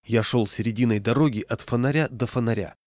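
A man's voice: medium pitch, quick pace, darkish tone, no echo. A man narrating a humorous first-person story in a wry storytelling manner, close to the mic. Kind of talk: storytelling reading.

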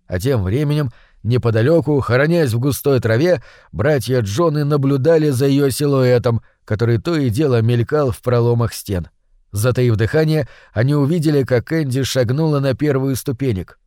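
A man narrating a fantasy audiobook in a steady, measured reading. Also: mid-range voice, dry recording, clean studio sound. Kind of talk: scripted narration.

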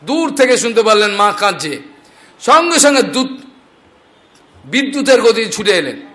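A man telling scripture stories as a devotional preacher, animated and acting out the characters' speech. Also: high-pitched, normal speed. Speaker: Bhagavata storyteller preacher.

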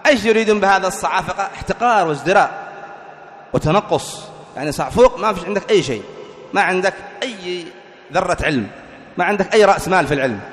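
Fast animated man preaching in a hall. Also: high-pitched. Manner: animated, rhetorical questions answered himself. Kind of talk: religious lecture.

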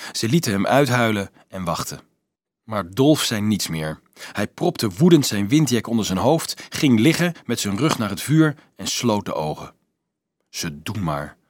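A man narrating an audiobook in an expressive storytelling voice. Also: lowish voice, no echo, studio quality. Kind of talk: scripted narration.

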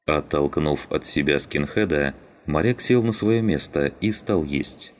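A man narrating an audiobook with an exceptionally deep, low voice. His delivery is steady and measured, carrying the story along calmly. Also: a little hiss or hum.

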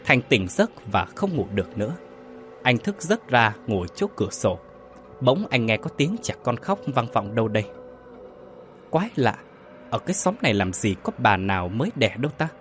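A man narrating a horror story in an expressive, dramatic way. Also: mid-range voice.

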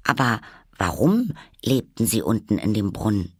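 A man's voice: fairly low pitch, big pitch swings, slightly rough, no echo, studio quality, pitched above the performer's own voice, heavily acted. A man reading a storybook aloud, voicing the curious, touchy girl Alice in a raised, half-whispered voice. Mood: indignant. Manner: earnest, quick to protest.

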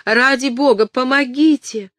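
A reader voicing a spirited young noble lady who gives sharp, commanding orders. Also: mid-range voice, expressive, measured pace, no room sound, studio quality, lightly acted. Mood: shouting. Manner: sharp, imperious calls.

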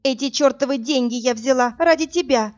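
A woman's voice: high-pitched, moderate pace, pitched above the performer's own voice, natural voice. A woman voicing a desperate young woman on the phone, tearful and pleading, then screaming in anger, in a slightly muffled recording. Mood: furious.

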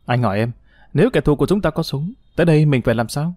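A man's voice: fairly high pitch, expressive, fast, a little mellow, no room sound, clean studio sound. A man voicing a confident, jovial young hero who speaks with an assured, persuasive manner in an audiobook story.

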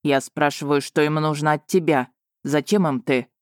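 A woman reading an audiobook, voicing a young male werewolf who moves from brash to fawning, with a slightly lower voice that slows when he is stunned. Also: steady tone, dry recording, studio quality, lightly acted. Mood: impatient.

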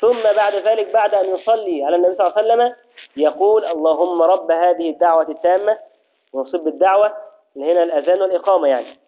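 A man teaching a religious lesson, explaining step by step, reciting formulas slowly and often checking that his students follow. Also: sits high. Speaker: Islamic jurisprudence teacher. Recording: tinny phone-like audio.

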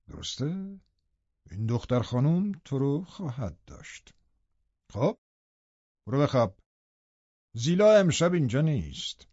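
Male narrator doing a menacing captor, sneering and scornful, lively swings in pitch; dry, slightly dull recording. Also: no room sound. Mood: taunting. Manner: taunting, scornful, cutting. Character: cruel, menacing middle-aged male captor. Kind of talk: audiobook character reading.

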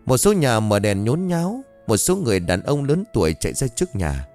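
A man narrating a scripted horror story in a dramatic, expressive telling. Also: medium pitch, brisk, faint music behind.

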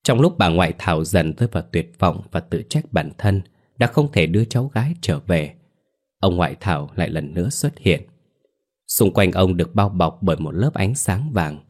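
A man narrating a dramatic story in a steady, measured reading. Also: low voice. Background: faint music.

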